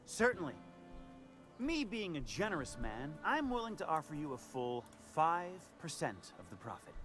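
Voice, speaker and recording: Smug, winking male merchant in a game, lively sing-song delivery, faint music underneath. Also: on the high side, normal speed. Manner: smug, says "wink" out loud. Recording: game audio with music behind.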